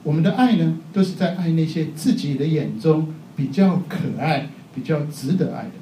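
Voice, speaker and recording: A middle-aged man preaches a sermon in a relaxed, joking manner, laughing often at himself. His voice sits fairly high and sounds mellow. He is picked up from a distance in a roomy, echoing hall. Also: normal speed. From Taiwan. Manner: chatty, self-mocking, laughs often. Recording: echoey hall, faint background noise.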